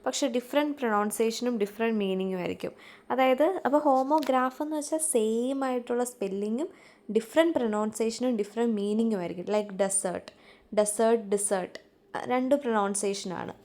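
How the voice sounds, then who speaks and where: A woman with a Malayali accent teaching an exam-prep lesson, explaining step by step and often checking in with her listeners. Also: fairly high pitch.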